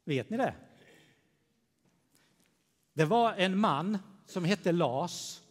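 A man preaching a gentle children's sermon in church, telling a story and speaking warmly to the children. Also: sits high, animated. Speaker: pastor. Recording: long church reverb.

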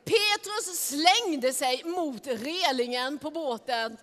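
In a large hall, a woman with a high voice tells children a Bible story in a lively way, speaking straight to her listeners.

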